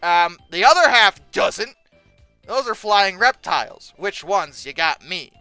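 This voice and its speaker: A video host reads old text aloud and mocks it, reacting with incredulous, sarcastic exasperation and emphatic delivery. The voice is medium-pitched, animated, bright and forceful at a measured pace, in a dry recording with faint music behind.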